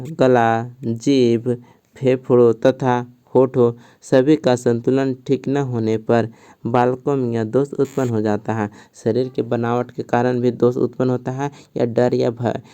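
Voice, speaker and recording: A man's voice: medium pitch, little pitch movement, a little slow, mellow, smooth. A man giving an exam-prep lesson, reading from a textbook and then explaining it again in simpler words, often checking with "theek hai". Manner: mixes English terms into Hindi explanation. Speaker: teacher.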